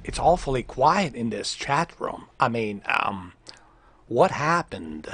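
Taking things slowly but sounding very animated, this man has a mid-range, fairly bright, slightly rough voice with no room sound. In his thirties, he streams gameplay from home with casual commentary, swearing, joking and teasing chat via a large foam headset mic.

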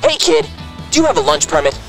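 A woman's voice: low voice, big pitch swings, a little fast, low-quality recording. A woman voicing a bossy male dog lifeguard who barks orders at beachgoers. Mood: bossy shouting. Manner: barking orders. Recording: voice-over with loud music.

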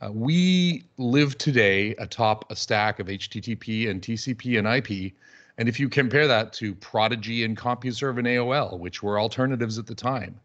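A man's voice: mid-range voice, moderate pace, fairly bright tone, muffled recording. A man speaking as a panelist on a video call, talking in a witty, conversational way with fillers. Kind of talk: conference talk on a video call.

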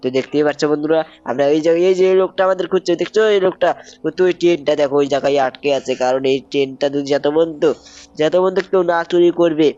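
A young man giving excited gameplay commentary, repeating himself and calling out to viewers. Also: fairly high pitch, racing, no room sound, highs cut off. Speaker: gaming YouTuber.

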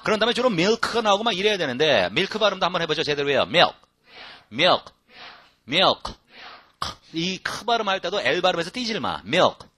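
Korean-speaking male English teacher, animated and jokey, spells out words slowly, bright voice, dry close sound. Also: high voice, no room sound. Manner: lively, joking, repeats phrases slowly and spells them out letter by letter. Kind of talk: casual spoken English lesson.

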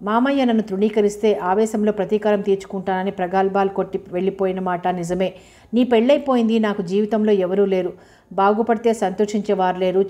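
Remorseful lame young man, read by a woman narrator: quiet, pleading, mellow. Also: mid-range voice, lightly acted.

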